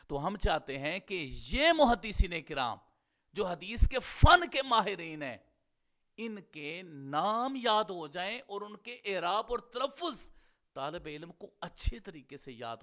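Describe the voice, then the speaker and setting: A man's voice: fairly high pitch, fairly bright tone. A man with a Pakistani Urdu accent giving a scholarly lecture, stretching out words to spell their exact pronunciation. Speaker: Islamic scholar teaching hadith studies. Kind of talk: classroom-style lecture.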